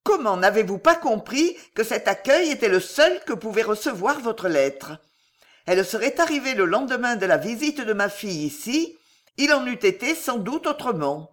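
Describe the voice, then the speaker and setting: A middle-aged countess, poised and ironic, speaks with sweeping, lively melody, as a woman reader puts her on. She talks in a storybook register, sure of herself and gently scornful. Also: a little high, moderate pace. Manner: mocking, smiling, poised. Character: ironic, self-assured aristocratic countess, middle-aged mother. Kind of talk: audiobook character reading.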